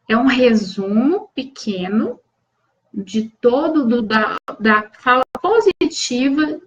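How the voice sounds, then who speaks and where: A woman's voice: on the high side, rough recording. A woman from Brazil hosting a live stream, coaching viewers in an earnest, restarting way and answering them by name.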